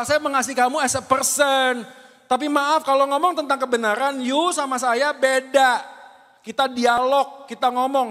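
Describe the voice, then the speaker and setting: A man with an Indonesian accent preaching a sermon in a lively, conversational way, dropping in English words. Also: very high voice. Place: large church hall. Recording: church hall reverb.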